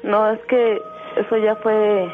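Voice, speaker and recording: A young woman who answers in short, hesitant bursts. Clear music plays under the radio broadcast. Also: mid-range voice, flat delivery, slow pace, phone-quality sound. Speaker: prank caller, the woman's daughter.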